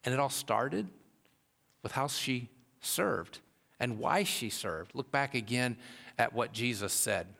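Pastor preaching with rising emphasis. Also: male voice, expressive, takes it slowly, vocal fry. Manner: rises to emphatic questions, drops low and soft for told stories. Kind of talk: sermon.

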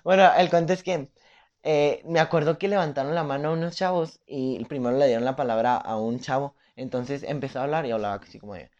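A young man with a Mexican accent, co-hosting a casual chat and telling stories in an animated, slangy way. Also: a little high, brisk, highs cut off. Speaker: podcast co-host.

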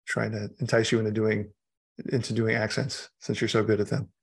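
Male author guest, rough gravelly voice, relaxed chatty commentary with frequent laughs. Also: lowish voice, a little fast. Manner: chatty, laughs often, loose restarts. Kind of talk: casual commentary chat.

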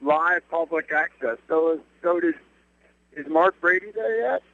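Calling a live show by cell phone from a moving bus, a man chats loosely and calls people dude. His fairly high, somewhat bright voice is a little slow, with no room sound, coming through a tinny line that keeps breaking up.

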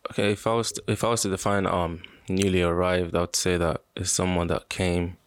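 A man in his twenties from Sudan, a guest in an interview, talking casually and hesitantly with many pauses. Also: deep voice, little pitch movement, dry recording. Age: 20s. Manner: hesitant, many "um"s, laughs often.

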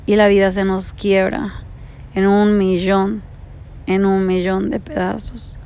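Gravelly-voiced woman telling a reflective story. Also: medium pitch, little pitch movement, a little mellow. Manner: slow, repetitive phrasing, piling up lists of words.

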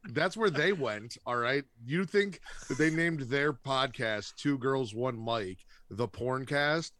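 A man's voice: medium pitch, slow, a bit bright, dry recording. Wry man hosting a podcast, dry sound. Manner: wry, teasing. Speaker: podcast host. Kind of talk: casual banter.

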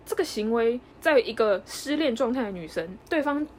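A young woman co-hosting a casual podcast, telling a story in an animated way and acting out the lines of others. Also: on the high side, slight background noise. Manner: animated storyteller, quick, acts out dialogue. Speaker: podcast co-host.

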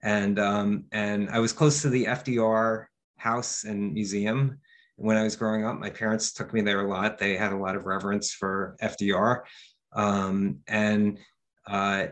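Hesitant low-voiced man, filler-heavy. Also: level tone, unhurried, a bit bright. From upstate New York. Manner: hesitant, many fillers and restarts. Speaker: author and lawyer, guest. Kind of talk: interview answers.

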